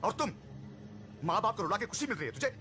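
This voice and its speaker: An indignant, scolding stranger. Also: male voice, high voice, sing-song, fast, sharp tone, soft background music, heavily acted. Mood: angry. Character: indignant male stranger lecturing on morals. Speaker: stranger scolding the eloping couple. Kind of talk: Hindi film acting.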